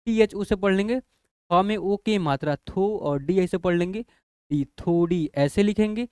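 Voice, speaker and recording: A man's voice: sits high, unhurried, darkish tone, clear, resonant tone, no room sound, studio quality. A man teaching a lesson, patiently spelling out letters one by one and asking the students whether they follow. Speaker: English teacher. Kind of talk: classroom lesson explaining spelling.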